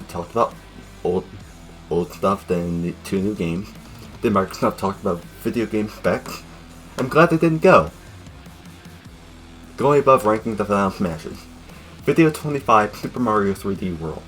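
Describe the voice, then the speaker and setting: A young man casually narrating a fan video review, jokey and rambling, with sudden loud outbursts. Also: low-pitched.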